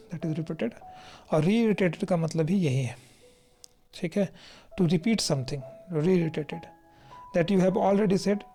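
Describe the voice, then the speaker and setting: This is a teacher from India, recording an exam-prep vocabulary lesson. The voice is mellow and even, with faint music in the background. The delivery is explanatory and patient, with frequent check-ins and slow, careful readings of definitions. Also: mid-range voice. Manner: explanatory, checks in often with "right?"; slows down to read definitions aloud.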